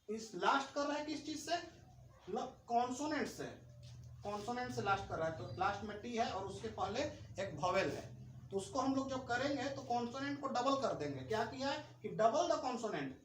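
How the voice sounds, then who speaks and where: A man's voice: very high-pitched, distant mic. A man teaching English grammar, explaining the rules in Hindi and spelling out example words letter by letter. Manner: slow and deliberate when reading English rules aloud; spells out words letter by letter, repeats key terms. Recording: roomy, off-mic with faint background noise.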